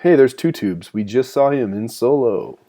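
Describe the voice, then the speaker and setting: A man's voice: mid-range voice, normal speed, dark tone. A man talking casually and enthusiastically as he comments on a film while watching it, with frequent fillers. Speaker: movie commentary host.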